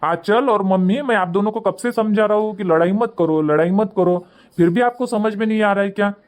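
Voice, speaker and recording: A man's voice: high-pitched, brisk, darkish tone, natural voice. A man voicing a harried cartoon husband. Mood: placating. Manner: pleading, placating. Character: harried young husband caught between wife and mother. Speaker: son and husband.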